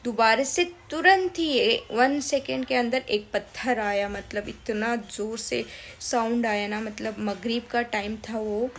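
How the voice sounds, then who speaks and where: A young woman vlogs to her camera, and her voice sits a little on the high side. She talks in a hesitant, upset way, full of fillers and restarts, faint room ambience behind her. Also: steady tone, unhurried, slight background noise. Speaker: vlogger. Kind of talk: casual vlog talk to camera.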